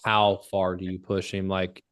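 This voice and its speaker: A man with a lowish voice chatting casually on a podcast. He talks in a loose, rambling way and swears often, then keeps going, drifting from point to point. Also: unhurried, clear, resonant tone. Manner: relaxed, rambling, swears freely. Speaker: podcast co-host. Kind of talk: casual chat about fights.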